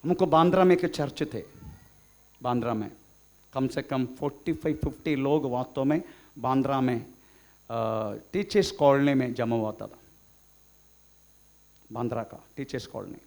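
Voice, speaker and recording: A man's voice: medium pitch, animated, moderate pace, long pauses, darkish tone. A man preaching a sermon in Hindi, mixing in English phrases and often calling out "praise the Lord" and "amen". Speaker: pastor.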